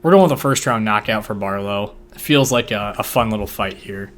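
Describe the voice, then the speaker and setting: A man's voice: fairly low pitch, a little fast, a bit bright. A man co-hosting a fight-picks talk show, in loose casual chat that rambles with fillers and slang. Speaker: podcast co-host making fight picks.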